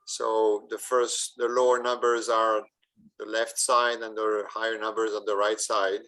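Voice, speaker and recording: A man volunteering as an usher, asking wry, deliberate questions in a casual meeting. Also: lowish voice, little pitch movement, bright, forceful tone, low-quality recording. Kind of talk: casual Q&A on a video call.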